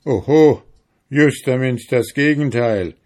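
Greedy fairy-tale miller, eager haggler, loud offers, read by a man. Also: on the low side, expressive, takes it slowly, heavily acted.

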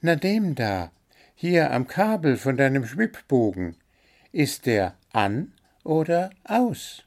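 A man's voice: mid-range voice, sing-song, takes it slowly, darkish tone, voice pushed up. A man voicing a cheeky, greedy little blue male bird that pesters for sweets. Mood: prodding. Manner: demanding, sweet-toothed, pestering.

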